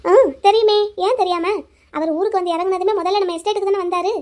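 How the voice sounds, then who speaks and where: A woman's voice: very high-pitched, fairly even intonation, quick pace, a little mellow. A woman voicing the heroine's nosy, teasing friend in a cartoon, firing off questions. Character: chatty teasing young village girlfriend. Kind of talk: cartoon voice acting.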